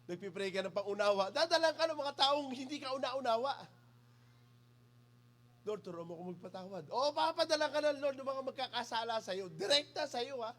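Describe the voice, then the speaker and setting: A man's voice: very high-pitched, fairly quick, fairly bright tone. A man with a Filipino accent preaching a sermon in church, teasing listeners and calling on them by name. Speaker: pastor.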